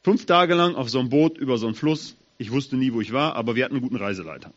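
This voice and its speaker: A man giving a children's sermon in a slightly husky voice, asking his listeners direct questions. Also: medium pitch, racing, muffled recording. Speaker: preacher for children.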